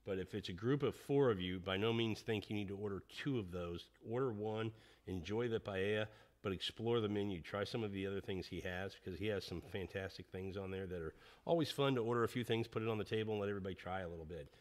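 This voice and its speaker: Easygoing low-voiced man. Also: fast talker. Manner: easygoing, rambling with restarts. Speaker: podcast co-host. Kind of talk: casual chat.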